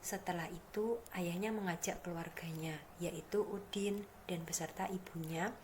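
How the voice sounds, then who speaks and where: A young woman with a fairly low voice teaches a practice classroom lesson as a student teacher. She speaks softly, with a partly breathy tone. The recording carries clear background noise. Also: steady tone, moderate pace. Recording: noisy recording with background hum.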